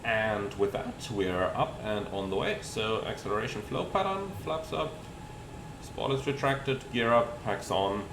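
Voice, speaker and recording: A lowish, creaky male voice delivers measured commentary while presenting a flight simulator as a pilot. He explains the procedures and reads back radio calls, and the audio is roomy with steady cockpit noise.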